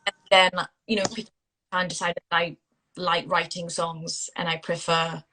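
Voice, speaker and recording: A woman's voice: on the low side, flat delivery, measured pace, background noise. A woman in her thirties, raised in Singapore, chatting as a guest in a casual interview with many fillers and restarts. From India, raised in Singapore. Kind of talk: casual interview over a phone call.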